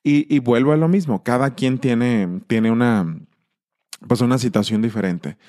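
A man's voice: medium pitch, unhurried, mellow. A man hosting his channel in a casual monologue, talking emphatically with frequent restarts. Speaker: channel host.

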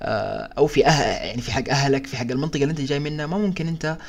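A Sudanese man speaks at a brisk clip in a casual discussion. He is careful with his wording and stops to soften and qualify his points. His voice sits at an ordinary middle pitch for a man. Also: creaky. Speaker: show co-host.

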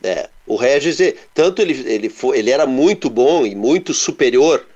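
A man, co-hosting a casual show and telling stories in an animated way with sound-effect words. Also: mid-range voice, normal speed, dull audio. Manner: animated, onomatopoeic storytelling. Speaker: co-host. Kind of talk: casual storytelling chat.

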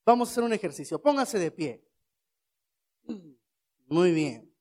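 A man preaching a sermon, asking rhetorical questions and leading the congregation in shouted responses. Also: sits high, very animated, a little slow.

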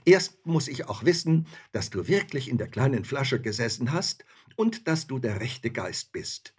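A man voicing a fearless, shrewd young male student in a storybook reading, answering calmly and matter-of-factly. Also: mid-range voice, measured pace, breathy edge, voice pushed up. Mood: cool. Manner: calm, matter-of-fact replies.

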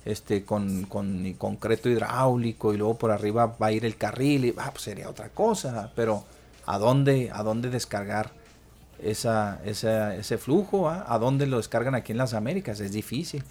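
A man's voice: fairly low pitch, moderate pace, darkish tone. Northern Mexican man hosting call-in radio. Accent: northern Mexican border. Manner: explanatory, colloquial, often seeking agreement with tag questions. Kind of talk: casual call-in radio talk.

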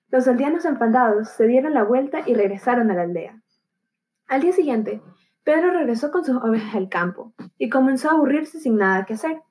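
A woman narrating a fable as a gentle, calm bedtime story. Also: fairly high pitch, poor audio.

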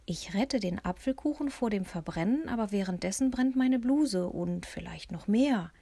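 A woman reading an audiobook, voicing a spirited, sharp-tongued old lady who speaks bluntly and matter-of-factly. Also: medium pitch, lively intonation, normal speed, husky, dry recording. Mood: frank.

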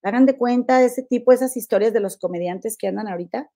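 Mexican woman, forties, podcast host; confiding, animated storytelling with a warm, mellow tone. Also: a little high, quick pace. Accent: Mexican Spanish. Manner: confiding, animated, many fillers and repeats. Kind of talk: casual storytelling to listeners.

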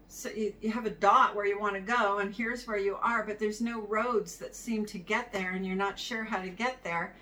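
Speaking to camera alone, a middle-aged woman who consults on practice management shares advice in a relaxed, chatty way, chuckling now and then. Her voice is medium-pitched, pushed and bright, picked up by a somewhat distant mic over faint hiss.

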